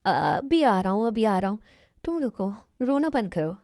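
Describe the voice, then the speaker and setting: A woman's voice: mid-range voice, very animated, normal speed, a little mellow, dry recording, studio quality. A woman voicing a caring young male college student in an amateur dubbed love story, talking in an earnest, soothing way.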